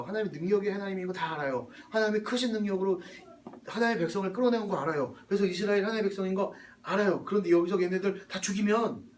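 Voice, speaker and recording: A man's voice: high voice, far from the mic, slight background noise, close to an everyday voice. A man preaching voices a male prophet urgently coaxing and pleading with an angry God.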